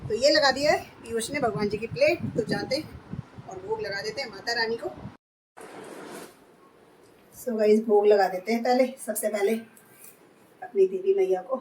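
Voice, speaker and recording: A hoarse woman in her thirties chatting through a home vlog, describing her chores step by step. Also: a little high, moderate pace, long pauses, darkish tone, a little hiss or hum. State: hoarse, voice going. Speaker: vlogger. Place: at home, indoors.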